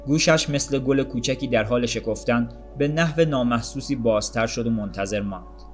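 Guy reading a story aloud, calm and measured, mid-pitched voice, soft music under it. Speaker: audiobook narrator.

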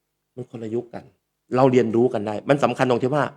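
Male talk host, chatty and animated, slips into quoted voices. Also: mid-range voice, fast. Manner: lively, acts out quoted voices. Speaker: speaker and talk show host. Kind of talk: casual storytelling talk.

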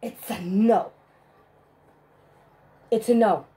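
Mellow and medium in pitch with a breathy edge, this woman's voice carries a vlogger's spiritual rant monologue. She swears and speaks emphatically, stressing individual words between long pauses.

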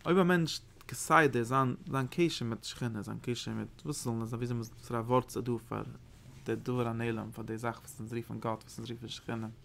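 A man giving a study lesson on mystical texts as a Torah teacher, talking in a halting, searching way and often repeating phrases. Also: mid-range voice, little pitch movement, creaky, a bit bright.

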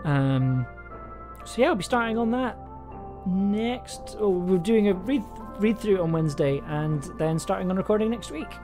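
With music in the background, a young man hosting a casual stream from a small room's desk rambles tiredly, hesitating and cutting himself off. He makes audio dramas. His voice is high-pitched and expressive at a normal speed.

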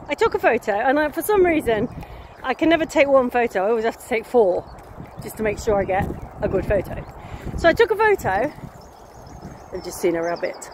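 Lively high-voiced woman vlogging. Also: noisy background. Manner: chatty, wandering, self-mocking, laughs often. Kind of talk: casual rambling vlog.

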